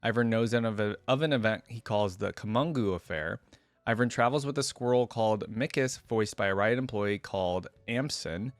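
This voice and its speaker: The host of a reaction channel comments casually on a video, musing aloud in an informal, conversational way. His fairly low voice moves at a normal speed, and there's no echo.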